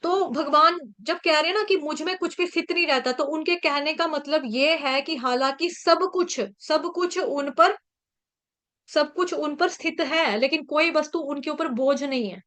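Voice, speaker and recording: A woman with a high, light voice leads an online scripture class over a video call. She walks through pronunciation one syllable at a time, patient and repetitive, often checking that her listeners are following. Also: a little slow, fairly bright tone. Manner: patient, repeats points and checks in with "ठीक है".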